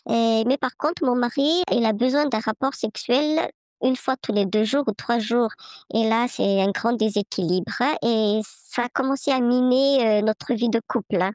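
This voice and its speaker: A woman in her fifties, her voice altered by a voice changer, leaving a measured, hesitant listener message. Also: a little mellow, dry recording. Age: 50s. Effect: voice changer, pitch-shifted disguised voice.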